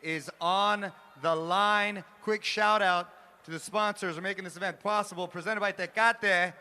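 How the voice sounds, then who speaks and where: A man's voice: sits high, fairly even intonation, normal speed, pushed and bright, clean tone. A man hosting a live boxing event in a hyped presenting style. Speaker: event host. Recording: live event microphone with background noise.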